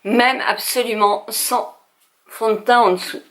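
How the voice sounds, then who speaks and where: An older Frenchwoman with a slightly high, fairly bright voice speaks at an unhurried pace with fairly even intonation. She's a beauty vlogger chatting through a makeup tutorial at home, addressing her viewers directly and hesitating often.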